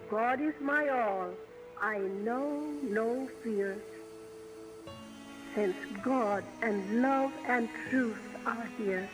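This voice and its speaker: An older woman reciting a rhyming prayer in a slow, measured way, heard from an old archival recording. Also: a little high, over music, poor audio. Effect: old archival recording played back. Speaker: prayer leader.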